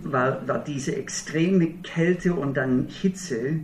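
Speaking extremely slowly in a fairly high voice, a middle-aged American from Minnesota preaches in accented German. He shares earnest stories with wry humor; the distant recording in a roomy hall carries slight background noise.

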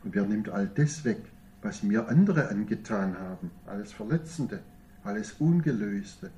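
A man delivering a sermon as pastor, in measured preaching with emphatic rising peaks. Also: fairly low pitch, lively intonation, dark tone, recorded from a distance, slight background noise.

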